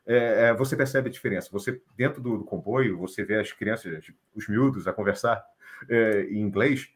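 A man's voice: lowish voice, moderate pace. A man from Brazil, a guest explaining things in a casual live-stream chat and laughing often.

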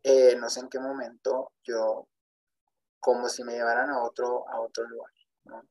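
This is a man, speaking as a guest on a podcast. His voice sits at a middling pitch for a man. He tells a personal faith story earnestly, repeating words and often adding little tag questions. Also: level tone, moderate pace, darkish tone, rough recording.

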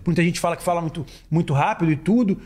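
A Brazilian man with a Brazilian Portuguese accent, co-hosting a podcast. He talks quickly in a high voice and keeps up a running stream of jokes and teasing in casual chat. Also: darkish tone. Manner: jokey, playful, teasing. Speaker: podcast co-host.

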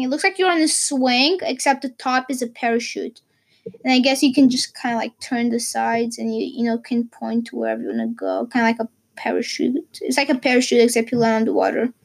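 A woman's voice: high voice, poor audio. A teenage girl from Portugal, vlogging in a casual, rambling way with lots of fillers and restarts. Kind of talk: casual chat.

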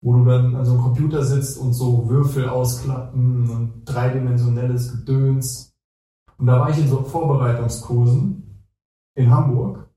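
A man telling a relaxed, slangy story as a podcast guest. His tone is very dark and mellow. He sounds distant from the mic in a very echoey room. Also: medium pitch, normal speed. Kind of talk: casual storytelling chat.

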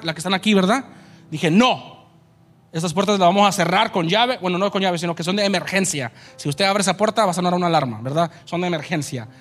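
A male pastor preaching a sermon in a church, emphatic and conversational, often checking in with the congregation. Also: high-pitched. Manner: emphatic preaching with frequent "¿verdad?" asides. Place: church sanctuary.

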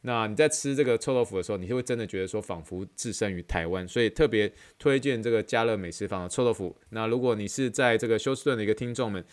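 A man's voice: lowish voice, quick pace, hardly any pauses. A man with a Taiwanese Mandarin accent hosting a podcast in casual, rambling chat that repeats phrases. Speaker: podcast host.

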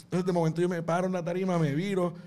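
A man with a Puerto Rican accent, a stand-up comedian telling an animated, laughing story in casual chat. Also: sits high, very fast. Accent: Puerto Rican Spanish. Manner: animated, laughing storyteller with lively voiced asides.

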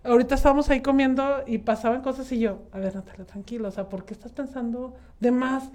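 A woman's voice: high voice, steady tone, fast talker, darkish tone. A woman in her thirties with a Mexican accent, talking reflectively and rambling with many fillers in a casual group chat.

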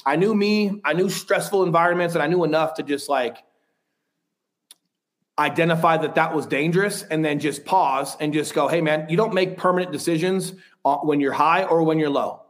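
A man's voice: a little high, moderate pace. A man in his thirties, a podcast guest, telling a personal story in a frank, rambling way with casual swearing.

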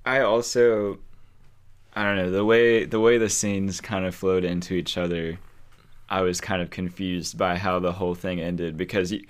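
A man's voice: deep voice, flat delivery, moderate pace, clear, resonant tone. A man in a casual talk, easygoing and using fillers like "like". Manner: easygoing, uses fillers like "like" and "you're like". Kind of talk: casual chat.

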